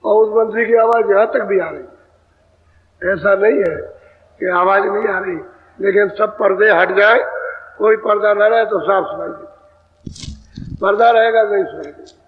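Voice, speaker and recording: Slow high-voiced man preaching in an echoey hall. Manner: slow, repetitive expository preaching, prompting chanters. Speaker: spiritual teacher giving satsang. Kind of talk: devotional sermon explaining verses. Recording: echoey hall over a tinny lo-fi line.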